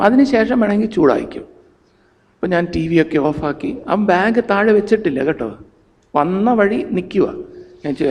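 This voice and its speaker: Middle-aged male pastor, storytelling sermon, high voice, echoing hall. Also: darkish tone. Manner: storytelling, acts out family dialogue, mixes in English phrases. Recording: long hall reverb.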